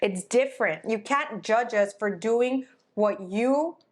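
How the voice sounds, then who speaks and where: A woman's voice: a little high, slow, a little mellow. A woman in her twenties co-hosting a casual chat podcast, telling stories in a chatty way and slipping into Spanish phrases. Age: 20s. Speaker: podcast co-host.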